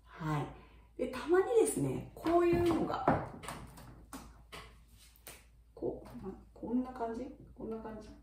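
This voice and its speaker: A middle-aged woman teaching in a casual video lesson, chatting with many fillers and sounding out words slowly to show them. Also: sits high, very animated, roomy sound, far from the mic, noisy background. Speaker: English teacher for young children.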